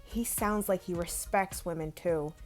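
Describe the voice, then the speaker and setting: A woman's voice: lowish voice, measured pace, a little mellow, soft background music. A woman vlogger chatting casually in a playful, profane, gushing way. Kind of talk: casual chat.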